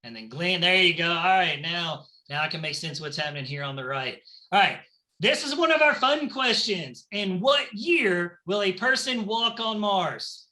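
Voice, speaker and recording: Southern male game-show host; bright, high, playful banter. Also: lively intonation. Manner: playful, chatty, quick banter. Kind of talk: upbeat game-show hosting.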